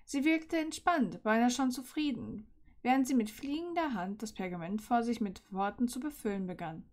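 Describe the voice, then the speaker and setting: A woman's voice: on the high side, moderate pace. German woman reading a story aloud. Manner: calm reading with small slips and restarts. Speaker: fan fiction reader.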